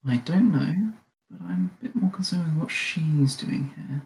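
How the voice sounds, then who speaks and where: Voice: mid-range voice, expressive, a little slow, vocal fry, a little mellow, slight background noise, poor audio. A game master voicing Hollis, a wary and sensible male companion who speaks in a dry, understated way in a tabletop role-playing game.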